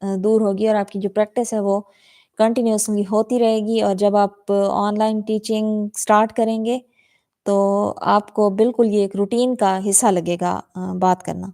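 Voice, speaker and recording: A woman teaching spoken English in an online class. She says model sentences slowly and clearly for students to repeat, and calls out student names to check their answers. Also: mid-range voice, little pitch movement, warm tone. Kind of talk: online class, bilingual drill.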